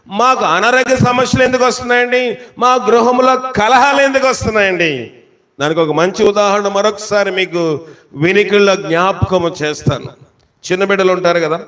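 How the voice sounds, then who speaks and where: A pastor with a high voice preaches a sermon, repeatedly posing questions to his listeners. He then slows way down to quote scripture with heavy emphasis, his tone fairly bright.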